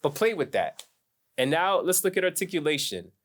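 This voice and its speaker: A man's voice: on the high side, big pitch swings, moderate pace, a bit bright. A man who is a hip-hop artist, teaching a performance masterclass in a laid-back, slangy way. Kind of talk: instructional masterclass talk.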